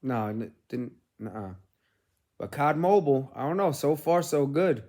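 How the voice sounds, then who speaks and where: A middle-aged man, rambling casually as a vlog host, telling things in an animated way with casual swearing. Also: medium pitch, unhurried. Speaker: gaming streamer and host.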